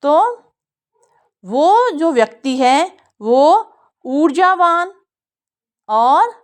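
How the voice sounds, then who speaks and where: A woman teaching English pronunciation, who says each word slowly many times over and explains the stress patiently. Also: high-pitched, sing-song. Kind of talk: pronunciation lesson with slow repeated drills.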